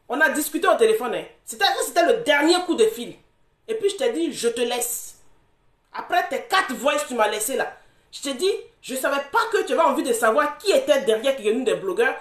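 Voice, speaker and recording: High, animated, confrontational woman. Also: roomy sound. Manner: confrontational, repetitive, laughs mockingly. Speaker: social media commentator. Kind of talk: heated live argument.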